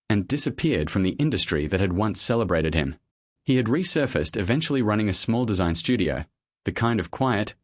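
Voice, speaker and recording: A man narrates a scripted story with a lowish voice. His delivery is measured and even. The sound is close and dry, with no room echo.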